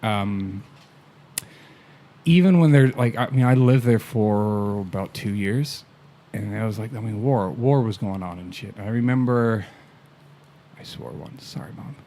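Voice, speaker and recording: On a podcast recorded in Canada, a male guest with a fairly low, warm voice speaks a little slowly. The talk is casual chat full of easygoing stories, frequent chuckles and the occasional swear word.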